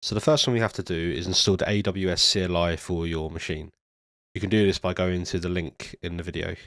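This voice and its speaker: A tutorial presenter with a deep voice briskly narrates a screen-recorded coding tutorial step by step. He is ill and sounds nasal and stuffy, explaining steadily with occasional ums into a studio USB microphone.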